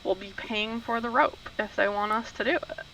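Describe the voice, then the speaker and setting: A man playing a tabletop game, arguing his point quickly and insistently. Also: sits high, creaky, sharp tone, distant mic, slight background noise, poor audio. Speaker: player.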